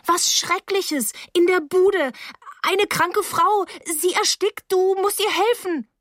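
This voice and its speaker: A woman voicing a panicked young woman who pleads in a high, urgent, shrill voice. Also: slow, fairly bright tone, no room sound, studio quality, heavily acted.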